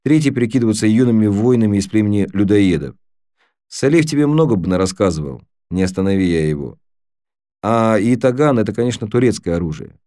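A talkative, easygoing boy, as a man reading aloud puts him on, explaining things with lively energy. The voice sits raised above the reader's own, dark in tone. It is recorded close and dry. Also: lowish voice, no room sound, close to an everyday voice.

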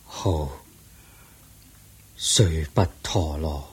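An actor playing a serene, dying old Buddha in a radio drama, solemn and measured, with a weak, breathy voice. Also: male voice, rumbling low, a little mellow, in a large hall, full character voice. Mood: gentle, accepting. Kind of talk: Cantonese radio drama acting.

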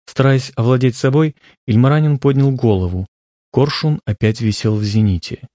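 A man reading an audiobook aloud in a measured, expressive way. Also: mid-range voice, no room sound. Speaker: audiobook reader. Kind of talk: audiobook narration. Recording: dull lo-fi audio with music.

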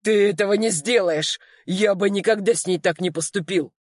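Casting: reader doing an enraged, cornered man, yelling, raised pitch, dry booth sound. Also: normal speed, breathy edge, no echo, close to an everyday voice. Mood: desperate shouting. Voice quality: yelling, strained. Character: cornered furious man, defiant and shouting. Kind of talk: audiobook dialogue acting.

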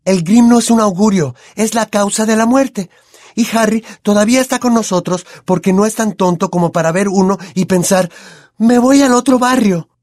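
A man's voice: sits high, normal speed, a little mellow, dry recording, studio quality, voice pushed up, natural voice. Hermione, a man doing a prim know-it-all girl. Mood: superior, calm. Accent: Latin American Spanish. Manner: prim, precise and self-assured.

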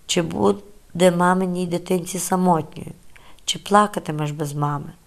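A frail young pregnant woman, as an audiobook narrator puts her on, with a soft, trembling voice pitched a little low. She pleads tearfully and sounds fragile. It is a storybook reading of a quiet, scared figure. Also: steady tone, normal speed, creaky. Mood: frightened, pleading.

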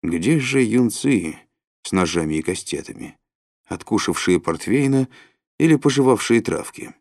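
Male audiobook reader, lower voice, lively pitch, dry close sound. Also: unhurried, no echo. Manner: expressive, with sudden rises and drops in pitch. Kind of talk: literary audiobook narration.

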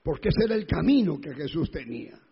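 A male pastor preaches with emphatic repetition and rhetorical questions. His voice is high, gravelly and husky. It is recorded in a church hall with a long echo and dull, lo-fi sound. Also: very animated, brisk. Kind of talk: sermon.

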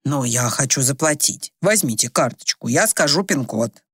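Woman putting on older man, low weak voice, injured and wary, storybook reading, dry sound. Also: lively intonation, normal speed, a bit bright, breathy edge, no room sound. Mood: weak, pleading. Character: elderly wealthy foreign man, injured, wary.

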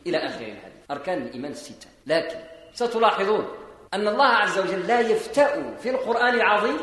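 Moroccan preacher in a booming echoey hall. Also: male voice, very animated, racing, a bit bright. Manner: explanatory, mixing formal speech with dialect, emphatic rises. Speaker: Islamic preacher. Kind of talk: sermon explaining scripture. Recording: echoey hall with long reverb.

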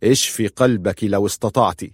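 Guy reading as a calm cold ruler, mocking, low voice. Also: brisk, husky, no room sound, studio quality. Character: cold vengeful male ruler, a former slave soldier.

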